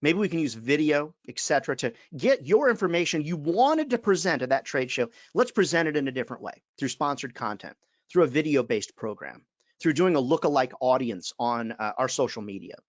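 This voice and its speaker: A man's voice: on the high side, very animated, fairly quick, no echo, muffled recording. A man, giving an emphatic webinar talk as a sales trainer and calling his listeners friends. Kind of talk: webinar presentation.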